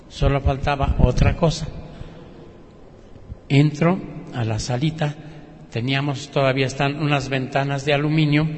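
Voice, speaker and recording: A man's voice: on the high side, big-room sound. Mexican man, religious testimony, storytelling that acts out quoted dialogue, some room hum behind him. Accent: Mexican Spanish. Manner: storytelling, acting out other people's words in quoted dialogue. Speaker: testimony speaker.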